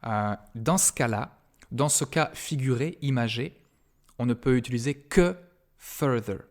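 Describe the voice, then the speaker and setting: A man's voice: mid-range voice, unhurried. Man explaining a grammar lesson. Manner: patient, explanatory, with frequent fillers. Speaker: university English grammar lecturer. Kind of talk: recorded grammar lesson for students.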